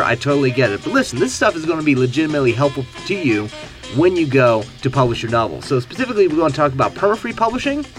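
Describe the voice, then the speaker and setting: A young man from Texas hosts a casual podcast, poking fun at himself and laughing often. His pitch swings widely as he talks. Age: young adult. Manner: animated, self-deprecating, laughs often. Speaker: podcast host.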